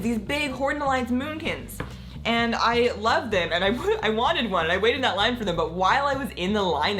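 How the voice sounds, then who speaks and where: A gaming content creator chats in a casual vlog, rambling, laughing often, and saying "like" a lot. Her fairly high, somewhat bright voice is slightly croaky as she loses it.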